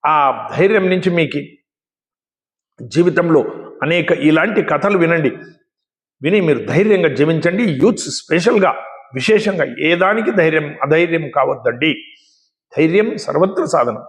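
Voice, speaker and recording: High-voiced man, exhorting. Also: expressive, moderate pace, long pauses. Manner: exhortative, repetitive, dramatic retelling. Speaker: motivational speaker. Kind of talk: moral storytelling speech to youth. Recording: echoey hall with long reverb.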